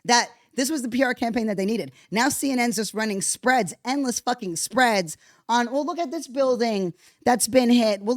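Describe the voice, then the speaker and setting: A podcast host talking casually and bluntly, reacting to a played clip with frequent swearing. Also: female voice, mid-range voice, no room sound, studio quality. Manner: blunt, profane, animated. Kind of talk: casual commentary on played clips.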